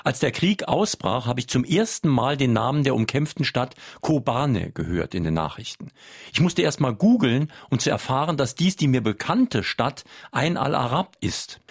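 Gravelly male radio host. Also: medium pitch. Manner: plain, reads listener mail aloud. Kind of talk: radio moderation.

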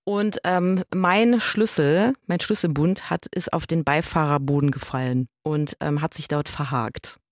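A woman in her thirties, co-hosting a casual podcast and telling stories in a lively way. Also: low voice, unhurried, hardly any pauses, no room sound, clean studio sound. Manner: lively storytelling, acts out quoted voices. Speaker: podcast co-host. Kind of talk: casual chat.

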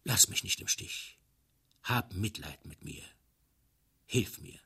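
A man's voice: medium pitch, normal speed, bright, forceful tone, slightly rough. A man voicing a panicked young soldier who dreads going to war, pleading in a theatrical, long-winded way. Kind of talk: dramatic literary reading.

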